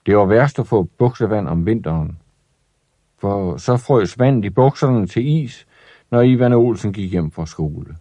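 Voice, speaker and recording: A man reading a children's story aloud in an expressive, lively way. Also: on the low side, no room sound.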